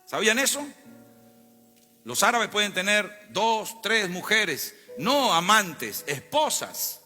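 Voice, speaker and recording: High, bright-voiced pastor preaching in a reverberant church. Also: male voice, very animated, takes it slowly. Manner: call-and-response preaching to congregation. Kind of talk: sermon. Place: church sanctuary. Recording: long hall reverb with faint music.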